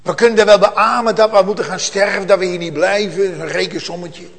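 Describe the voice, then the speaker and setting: A man preaching a solemn sermon, slow and earnest, rising at times to loud emotional cries. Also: high voice, fairly even intonation. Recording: long church reverb.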